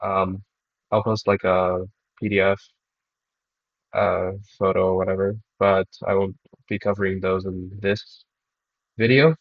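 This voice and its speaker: A young man who is sick talks in a monotone, hesitant way, with many pauses and restarts, as he works through a math club problem. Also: low voice, no echo. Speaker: math club student presenter. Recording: dull dry recording.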